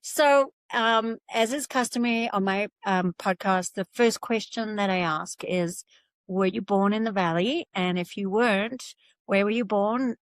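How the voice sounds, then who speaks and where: Woman podcast host, casual and chatty, laughs a lot, mid pitch, dry close mic. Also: unhurried, no room sound. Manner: chatty, laughs often, many fillers. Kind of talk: casual interview chat.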